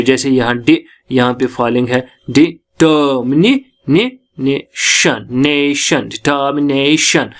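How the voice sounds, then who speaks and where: Speaking in a mid-range voice with a Kashmiri accent, a man delivers an English lecture in Hindi. He reads English passages slowly before explaining them.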